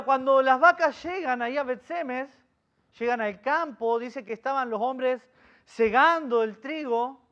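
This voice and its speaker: On a lo-fi recording, a man with an Argentine Spanish accent and an extremely high-pitched voice leads a Bible study as pastor. He tells the story with vivid energy and keeps asking his listeners questions.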